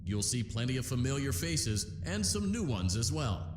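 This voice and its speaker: A man acts out an upbeat corporate announcer for a virtual reality game. He delivers promotional patter with very varied intonation, smoothly reassuring about danger. Music plays clearly behind him. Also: medium pitch, sing-song, moderate pace, lightly acted. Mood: falsely reassuring. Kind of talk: scripted promotional narration.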